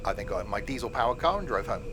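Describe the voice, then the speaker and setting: A man's voice: on the low side, lively intonation, very fast, background noise. An English man giving casual, rambling, jokey live commentary while streaming a train simulator, with train game sounds behind him.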